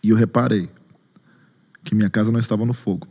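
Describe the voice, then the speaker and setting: During a podcast interview, a man who serves as pastor and worship leader animatedly recounts a story, performing other people's lines in raised voices. He talks fast in a lowish voice, with a long reverb tail behind him.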